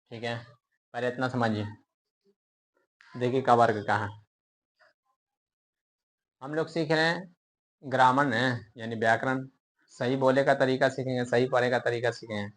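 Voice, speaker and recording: A grammar teacher giving a lesson, sounding out letters one by one and answering their own questions. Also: mid-range voice. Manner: repeats syllables and asks questions then answers them.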